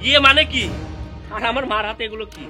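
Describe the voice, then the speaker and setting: A man's voice: very high voice, fast talker, pushed and bright, full character voice. A man playing a son working abroad who finds his mother begging, speaking with emotional, pleading cries that turn to scolding. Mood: furious. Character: anguished son, angry at his wife. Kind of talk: melodramatic short drama acting. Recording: music underneath.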